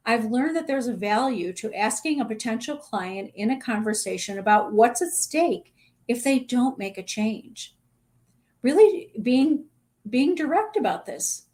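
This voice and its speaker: Middle-aged woman coach, a bit high-pitched, sincere and straightforward advice-video delivery. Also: darkish tone. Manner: earnest, direct, conversational with small restarts. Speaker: executive coach. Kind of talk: talking-head advice video.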